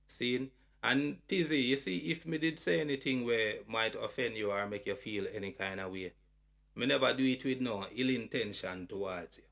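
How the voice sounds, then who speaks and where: A man's voice: mid-range voice, fairly even intonation, normal speed, gravelly, fairly bright tone. A Jamaican man hosting a channel, talking in a laid-back, casual way and checking in with "you see it?". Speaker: channel host. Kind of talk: casual introduction.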